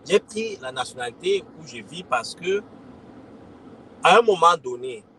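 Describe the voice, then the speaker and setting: A man's voice: fairly high pitch, animated, unhurried, bright, forceful tone, slight background noise, rough recording. A man in his forties from Cameroon with a Cameroonian French accent, casually talking to his followers, often checking in with "ok?" and repeating himself. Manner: repetitive, addresses listeners as "les gars", frequent "ok?". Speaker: crypto consultant and community host. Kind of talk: casual livestream talk to followers.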